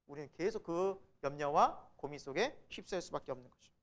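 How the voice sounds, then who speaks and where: Church Bible teacher, sermon delivery, pitch swings a lot, acts out the people quoted. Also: fairly quick. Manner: animated, asks the congregation questions and answers them; acts out the quoted speakers in lively voices. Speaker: preacher teaching a Bible class.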